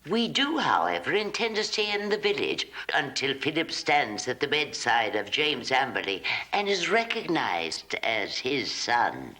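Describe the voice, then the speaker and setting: An actress playing a dignified, resolute mother who speaks in a measured, formal way. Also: very deep voice, big pitch swings, sharp tone, exaggerated voice. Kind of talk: period film acting.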